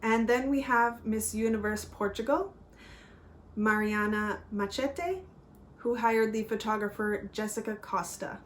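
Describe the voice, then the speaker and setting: A woman speaks in an earnest, chatty vlog voice at a middle pitch. She is unpolished and apologetic, with filler ums. She talks to camera in the tone of a working photographer. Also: fairly even intonation, measured pace, a little hiss or hum. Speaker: pageant vlogger and fashion photographer. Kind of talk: casual vlog commentary.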